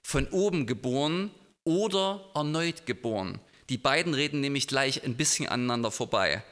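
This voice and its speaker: A man's voice: medium pitch, animated, normal speed, a bit bright. A man preaching a sermon as pastor in a church, explaining thoughtfully. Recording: long hall reverb in a church.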